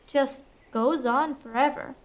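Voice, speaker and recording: A woman's voice: high voice, takes it slowly, very noisy. A female performer playing a sensible, exasperated older-sister girl in a family drama. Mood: impatient. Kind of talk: acted family film dialogue.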